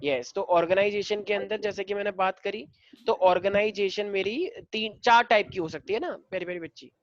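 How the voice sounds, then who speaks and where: A man's voice: high-pitched, fairly quick, no room sound. Male teacher mid-lesson, quizzing the class, dull dry recording. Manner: mixes Hindi and English, quizzes students, affectionate. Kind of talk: classroom lecture.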